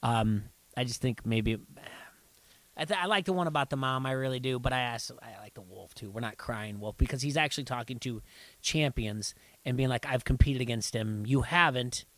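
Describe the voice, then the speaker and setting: A middle-aged man co-hosting a casual reality TV recap podcast, rambling and restarting his sentences, getting animated as he recounts scenes. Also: mid-range voice, brisk, no echo. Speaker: podcast co-host. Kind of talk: casual chat.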